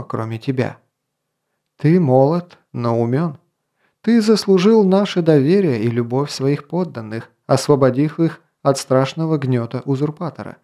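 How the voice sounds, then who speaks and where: A man's voice: on the high side, lively intonation, a little slow, warm tone. A man voicing a solemn, commanding elf sage. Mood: persuasive.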